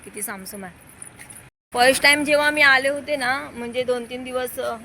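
Bright high-voiced young woman vlogging. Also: normal speed, slight background noise. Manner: chatty, coaxing and scolding a small child. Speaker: vlogger and mother. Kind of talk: casual vlog talk to viewers and her child. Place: outdoors on city streets at night.

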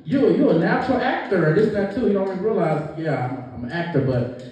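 A man preaching a lively sermon as minister, playful and laughing, acting out voices and scenes. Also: sits high, brisk. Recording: echoey hall from far off.

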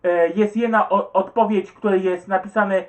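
A man's voice: high voice, fairly even intonation, moderate pace. A man who answers viewer comments in an agitated, stumbling rant, swearing and repeating himself. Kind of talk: rambling webcam rant.

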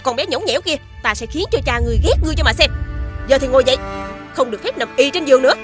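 A woman's voice: sits high, animated, rapid-fire, over music. A woman voicing a scheming female witch who poses as the queen's sister in a cartoon, sly and commanding. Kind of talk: cartoon dubbing.

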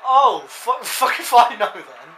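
High, lively man teasing friends. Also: measured pace. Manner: teasing, laughs often. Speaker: gamer playing football video game. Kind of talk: casual gaming banter. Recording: roomy, noisy home recording.

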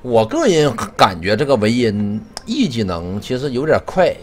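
A man talks through a live game stream, his pitch swinging wildly from phrase to phrase. He mixes wry jokes with curses, and soft music plays faintly behind him. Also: moderate pace. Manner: animated, cursing, wry running commentary. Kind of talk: live gameplay commentary.

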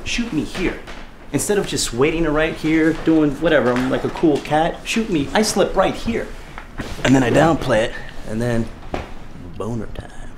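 A man's voice: a little high, lively intonation, normal speed, background noise, natural voice. A man playing a brash, vain young actor. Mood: cocky. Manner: brash, laid-back, easily offended. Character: cocky vain young male actor Chad. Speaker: actor in acting class scene. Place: indoor studio classroom.

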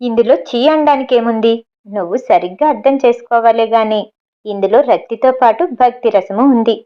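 A woman's voice: fairly high pitch, muffled recording, close to an everyday voice. Woman reading a teasing young man on the phone. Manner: teasing and affectionate. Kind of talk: audiobook novel reading.

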